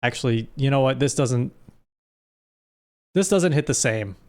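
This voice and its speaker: A man's voice: mid-range voice, animated, measured pace, darkish tone. A man streaming live, recapping a story in a rambling, joking way. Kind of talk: casual live-stream chat.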